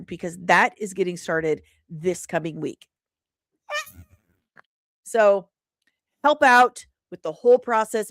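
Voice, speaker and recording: A woman podcast host, who also creates indie comics, signs off her livestream and promotes her work in a casual, chatty, playful way, addressing her audience directly. Her medium-pitched voice has clean studio sound with no room noise.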